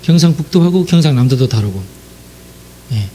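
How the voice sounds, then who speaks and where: Here the South Korean preacher from Jeolla sounds a little high and expressive, keeping a moderate pace and a dark tone. His sermon stays conversational, addressed right to the audience with many affirming asides, and a little hiss or hum runs underneath.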